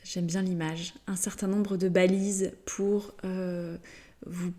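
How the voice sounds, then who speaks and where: Very slow, hesitant woman channeler. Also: fairly low pitch, little pitch movement. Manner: hesitant, halting, many fillers and pauses; gentle, searching for words. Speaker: spiritual channeler. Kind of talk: slow channeled spiritual message.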